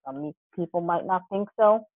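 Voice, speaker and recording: A woman's voice: on the low side, moderate pace, no echo. Woman sex coach on a tinny line. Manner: relaxed, thinking aloud with many fillers. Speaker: podcast co-host, certified sex coach. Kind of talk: casual podcast talk. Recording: thin phone-like sound.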